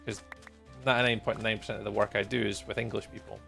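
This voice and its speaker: A Scottish gaming streamer in his forties talks casually with his live viewers, rambling and good-humoured, full of ums and chuckles. He speaks fast with a flat delivery, his fairly low voice bright and forceful with vocal fry, and faint music plays behind.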